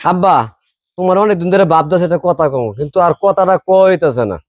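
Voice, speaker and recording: A man's voice: high voice, quick pace, no echo, natural voice. A man playing a scheming greedy elder son. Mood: coaxing. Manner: wheedling, plotting.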